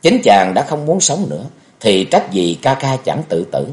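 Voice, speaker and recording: A man narrating a martial arts novel as an audiobook in an expressive, dramatic reading. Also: mid-range voice, moderate pace.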